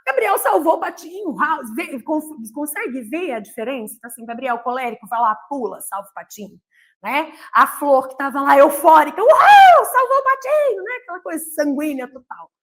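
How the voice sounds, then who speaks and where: A middle-aged Brazilian woman talking about faith and her children's temperaments, telling animated family stories and acting out her kids' voices. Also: high voice, a little fast. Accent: Brazilian Portuguese. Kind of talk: casual spoken talk, livestream.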